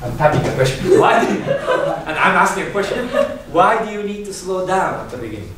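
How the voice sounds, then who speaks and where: A man's voice: a little high, expressive, fairly quick, crowd noise. A man teaching a speech class, asking questions and laughing often, recorded in a classroom from across the room. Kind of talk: classroom lesson. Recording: echoey room, distant mic, background noise.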